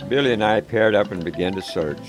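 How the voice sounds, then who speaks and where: Over clearly audible background music, a very low-voiced man recounts his own story. His delivery is plain-spoken, unhurried and calm.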